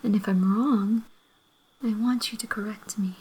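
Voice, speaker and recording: A woman playing a loving, apologetic girlfriend in a breathy ASMR role-play, gently making up after a fight. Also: medium pitch, fairly even intonation, measured pace, slight background noise, close to an everyday voice, rough recording. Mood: tender, apologetic. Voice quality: breathy, soft-spoken. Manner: gentle, reconciliatory, making up tenderly.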